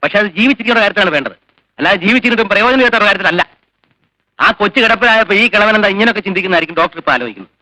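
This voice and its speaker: An actor playing a blunt, practical old grandfather who argues fast. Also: high voice, pushed and bright, no echo, rough recording. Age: older. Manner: blunt, rapid arguing. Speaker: father of the husband.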